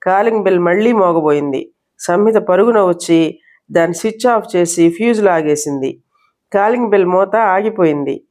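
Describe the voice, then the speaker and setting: A woman storyteller reading a novel aloud with steady, expressive narration. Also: lowish voice, normal speed. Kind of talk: scripted narration.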